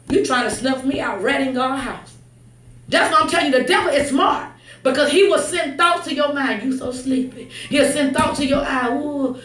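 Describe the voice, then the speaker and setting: A high-voiced woman preaches in an echoey room, captured by a distant mic with faint noise. Her fervent, exhortatory sermon is emphatic, mixing scripture reading and conversational asides and swinging from hushed remarks to shouts.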